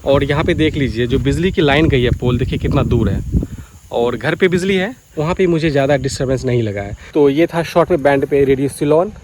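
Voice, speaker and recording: Speaking briskly in a mid-range voice, with noise in the background, a vlogger addresses his viewers directly. His casual, explanatory talk is filmed outdoors in a village by paddy fields.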